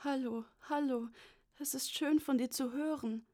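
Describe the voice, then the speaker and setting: A woman's voice: high voice, steady tone, unhurried, warm tone, pitched above the performer's own voice. A woman voicing a groggy elderly man on the phone, sleepy, faint and a little breathless. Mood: drowsy.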